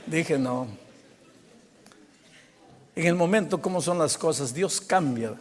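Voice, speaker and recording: Older pastor guy telling a story in a sermon, highish voice, big echoey hall. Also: normal speed, a little hiss or hum. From Peru. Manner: animated storytelling, acting out quoted dialogue with hushed emotional drops. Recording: long hall reverb.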